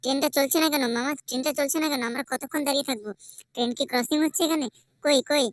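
A woman's voice: high voice, steady tone, rapid-fire, no echo, lightly acted. A woman voicing a scared, whiny little boy who keeps pleading with his uncle and repeats his words. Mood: worried. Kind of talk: game play voice acting.

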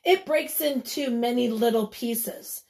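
A woman teacher reading a picture book aloud to children, pausing to ask them questions and sometimes dropping to a whisper. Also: on the high side. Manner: gentle, asks the children questions, drops to whispers. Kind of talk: children's read-aloud lesson.

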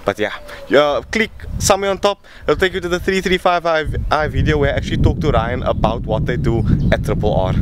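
Man, South African accent, higher-pitched voice, casual chatty vlog host, slangy, heavy car and street noise. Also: lively intonation, brisk, few pauses. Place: outdoors on a street, then inside a moving car. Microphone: camera at arm's length, then in-car camera. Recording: loud car and outdoor noise.

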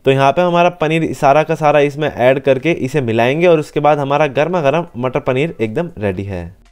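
Young male cooking host, fairly high, smooth voice, chatty step-by-step explainer. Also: lively intonation, normal speed. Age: young adult. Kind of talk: cooking tutorial voice-over.

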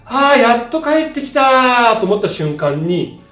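A man telling a spoken ghost story in an animated way, acting out sound effects and shouts as he goes. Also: very high-pitched, normal speed. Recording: roomy, distant mic, music behind.

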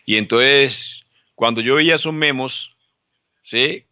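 A man's voice: mid-range voice, slow, sharp tone, smooth, no echo, clean studio sound. A male pastor preaching a sermon emphatically, repeating phrases and asking rhetorical questions.

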